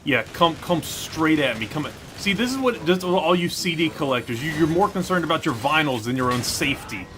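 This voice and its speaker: Gamer dude riffing on his playthrough, kinda high voice, sounds like he's in a cave, big echo. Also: expressive, a little fast, few pauses, background noise. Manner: chatty and joking, laughs easily. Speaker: gameplay video host. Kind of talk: casual let's-play commentary. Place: unfamiliar room with poor acoustics, not his usual setup. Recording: cave-like echo from a makeshift recording spot.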